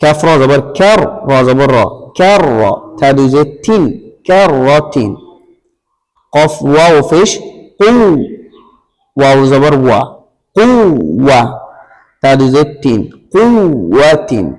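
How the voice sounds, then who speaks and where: Man, Quran reading teacher, very slow spelling drill, long hall echo. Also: fairly high pitch, animated, darkish tone. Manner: patient, repetitive, spells syllables then blends them.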